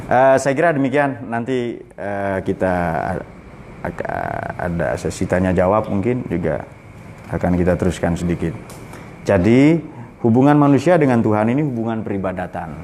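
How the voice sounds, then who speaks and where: A man's voice: on the low side, sing-song, moderate pace, a little mellow, a little hiss or hum. A man in his forties giving a casual, joking religious lecture at a boarding school, with many fillers. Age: 40s.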